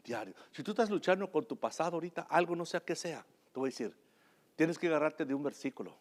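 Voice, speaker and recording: A man's voice: fairly high pitch, expressive, quick pace. A man preaching a sermon and telling a story, often searching for words with hesitations and restarts.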